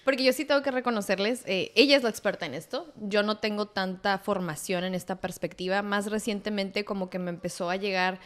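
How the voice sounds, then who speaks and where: A woman's voice: mid-range voice, steady tone, a little fast, hardly any pauses. Chatty young woman hosting. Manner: chatty, lots of fillers and restarts, warm agreement. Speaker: psychologist host. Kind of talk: casual interview chat.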